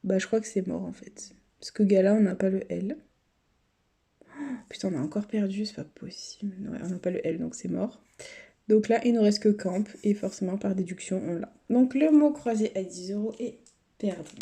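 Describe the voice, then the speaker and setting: Scratching lottery tickets, a chatty woman YouTuber keeps up a casual running commentary for her viewers, now and then lowering to mutters and whispers. She speaks at normal speed in a medium-pitched, warm, slightly rough voice, captured by a camera sitting on a table.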